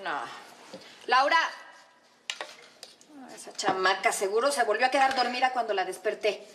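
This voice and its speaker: A woman's voice: a little high, moderate pace, noisy background, close to an everyday voice. An actress playing a strict, impatient mother who scolds in an exasperated way. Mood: scolding.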